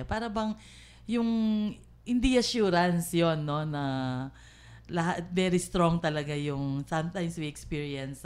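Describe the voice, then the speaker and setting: A woman from the Philippines sharing her faith story in casual, halting talk with many fillers. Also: low-pitched, darkish tone. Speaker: church member sharing testimony.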